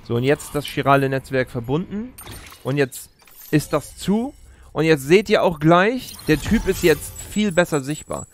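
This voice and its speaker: With faint music in the background, a man in his thirties talks at a normal speed in an animated, slightly high voice. As a let's play host at his indoor streaming setup, he explains the gameplay casually and chattily into a close streaming mic by his gaming chair.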